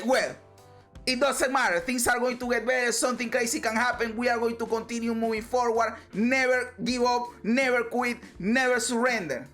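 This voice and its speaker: A Venezuelan woman vlogger speaks in a high, slightly bright voice. Her casual motivational monologue is emphatic, full of free swearing and repeated phrases.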